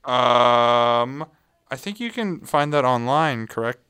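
A male radio host talks casually and a little hesitantly. His voice is very smooth and clean, at a middling pitch, recorded dry and close. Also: expressive, takes it slowly, pushed and bright, dry recording. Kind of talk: casual unscripted radio chat.

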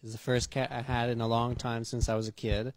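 A young man chatting casually, relaxed and self-deprecating, with many fillers. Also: medium pitch, fairly quick, dry recording. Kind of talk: casual chat.

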